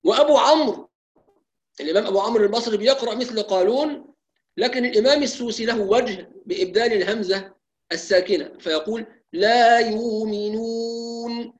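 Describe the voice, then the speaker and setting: Brief: high-pitched male recitation teacher, explains then slowly chants each example. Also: low-quality recording. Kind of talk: live recitation lesson with questions.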